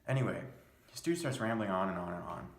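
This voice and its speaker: A young man with a low, gravelly voice tells a rambling, exasperated story, swearing freely. His voice rings in an echoey room. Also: animated, fast talker. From United States. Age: young adult. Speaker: vlogger. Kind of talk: casual storytelling.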